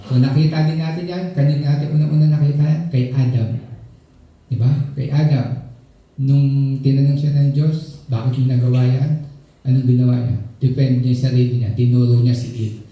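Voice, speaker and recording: A man's voice: mid-range voice, recorded from a distance. A man with a Filipino accent preaching a conversational sermon as pastor, chatty and joking, always checking in with the congregation. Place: church hall. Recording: very echoey, dull church room.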